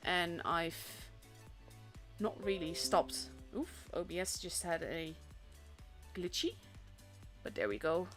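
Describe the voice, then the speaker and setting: She speaks slowly and expressively, her voice sitting on the low side. This young Dutch-accented esports caster and streamer, a native Dutch speaker from the Netherlands, chats casually through a tournament on her stream, rambling with fillers and restarts. Faint music from the stream sits in the background.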